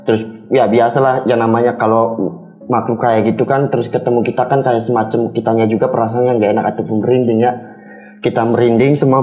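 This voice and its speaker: A man's voice: medium pitch, warm tone. A young man recounts an experience casually, in a rambling, repetitive, colloquial way, slipping into quoted dialogue. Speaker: guest recounting a ghost experience. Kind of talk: casual spoken storytelling. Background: background music.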